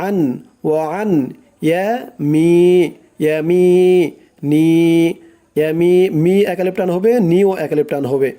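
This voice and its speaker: A man with a high-sitting, dark-toned voice teaches recitation. Breaking words down syllable by syllable, he draws out each phrase and has the audience say it back.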